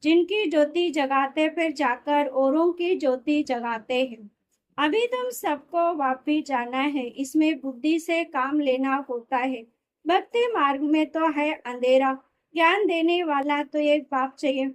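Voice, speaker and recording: A woman reading a spiritual discourse aloud in a steady, explanatory way, sometimes correcting herself mid-word. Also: high voice, a little slow. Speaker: reader of a daily spiritual discourse.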